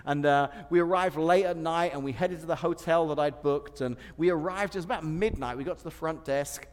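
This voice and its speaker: A middle-aged male pastor preaching a sermon, animated and storytelling with repetitions and humor. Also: a little high, fairly quick, long reverb tail.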